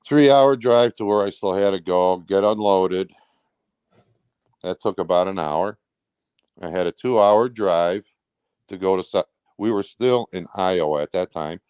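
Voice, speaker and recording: A truck driver with a very low, clear, smooth voice casually recounts personal events as an interview guest, rambling and blunt, with colloquial speech and swearing. He talks a little slowly with long pauses, in a darkish tone. The sound is close and dry, with no echo.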